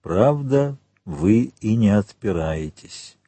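A cold royal prosecutor lays out his charges in a calm, measured, menacing voice, as a male reader does him. The tone is mellow and husky, recorded close in a dry space. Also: on the low side, dry recording, full character voice. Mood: accusing. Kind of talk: audiobook character voice.

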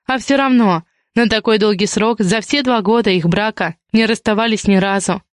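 A woman reading a romance novel aloud as an audiobook narrator, in calm, even storytelling. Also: mid-range voice, normal speed, no echo, studio quality.

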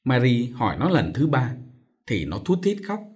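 A man narrating a novel in an expressive, dramatic storytelling manner. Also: medium pitch, moderate pace. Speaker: audiobook narrator.

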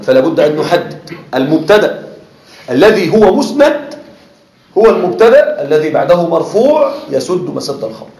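Fast, high-voiced male teacher in an echoey room. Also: a little mellow. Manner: keeps checking that students follow. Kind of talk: classroom lecture. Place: classroom. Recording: echoey classroom.

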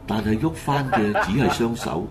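A man with a Hong Kong Cantonese accent narrates a horror radio drama in a dramatic, scripted storytelling style. His voice is fairly low and his pace normal, with a crowd audible behind him and loud music in the background.

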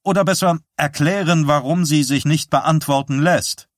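A man voicing a commanding middle-aged male neurologist who speaks up high and forcefully. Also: normal speed, dry recording, studio quality, close to an everyday voice. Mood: lecturing. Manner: shouting, high and sharp.

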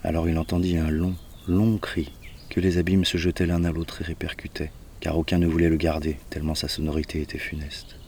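A man reading an audiobook in a measured, even narration. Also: sits low, a little hiss or hum. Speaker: audiobook reader. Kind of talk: audiobook narration of a philosophical poem.

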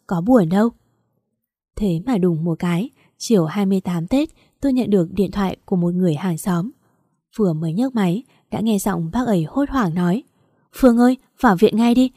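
A woman reads a first-person story aloud at a calm, measured pace. Her voice is mellow and the recording is dry and close. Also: medium pitch, husky, no room sound. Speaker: audiobook narrator.

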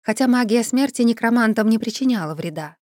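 Expressive woman reading a novel. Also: a little high, a little fast, dry recording, clean studio sound. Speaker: audiobook narrator. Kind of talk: first-person novel narration.

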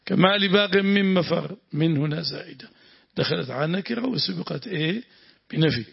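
A man with a Lebanese Arabic accent teaches Quran exegesis in a slightly high, animated voice, talking a bit fast with vocal fry and a breathy edge. As a text is read, he explains points, quizzes his students, and repeats words after the reader. The lo-fi lesson recording sounds dull.

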